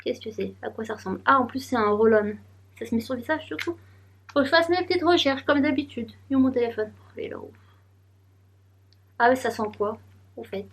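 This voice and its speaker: A woman's voice: a little high, fairly quick, long pauses. A young woman vlogging casually, chatting and giggling as she unboxes and rambles aloud. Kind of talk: casual vlog chat.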